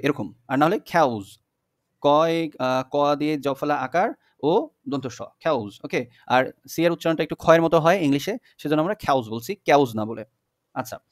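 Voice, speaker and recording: A man's voice: fairly high pitch, no echo, studio quality. A young man teaching an English poem to schoolchildren, patiently spelling out pronunciations and checking in with them. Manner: patient, repeats words slowly, checks in with "okay?". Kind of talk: classroom lesson explaining a poem.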